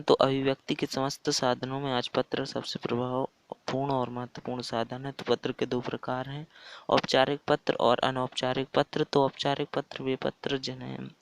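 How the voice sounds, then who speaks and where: A man's voice: mid-range voice, creaky, clean tone, poor audio. A man explaining a school grammar and letter-writing lesson step by step, plainly and methodically. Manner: plain step-by-step explaining, often starting lines with "so". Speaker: teacher.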